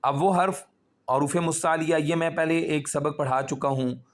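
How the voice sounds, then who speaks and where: A man's voice: on the high side, fairly even intonation, moderate pace. A man teaching Quran recitation step by step, patiently spelling out letters and drawing out syllables.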